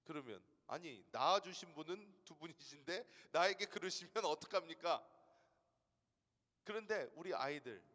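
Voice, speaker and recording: A man preaching a sermon as pastor. He tells stories, dropping to hushed asides and rising to loud, emphatic peaks. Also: a little high, animated, moderate pace. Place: church sanctuary. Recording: long reverb of a large hall.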